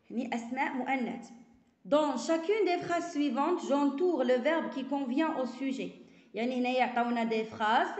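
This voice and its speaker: A woman with a Moroccan accent teaching an online school lesson, reading French phrases slowly and carefully, then explaining them in dialect. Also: high-pitched, darkish tone. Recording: echoey, dull lo-fi sound.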